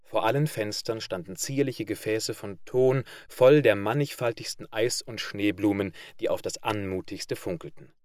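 Low-voiced man reading a fairy tale. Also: no echo, clean studio sound. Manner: measured, even literary reading. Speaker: audiobook narrator. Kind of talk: scripted narration of a fairy tale.

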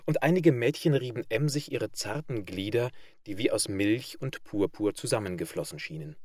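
Low-voiced man reading a fairy tale. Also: no room sound, studio quality. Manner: measured, even literary reading. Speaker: audiobook narrator. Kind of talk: scripted narration of a fairy tale.

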